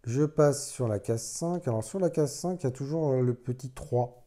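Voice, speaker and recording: A man's voice: medium pitch, moderate pace, warm tone. A man casually playing a solo board game, thinking aloud as he explains the rules, with self-deprecating asides.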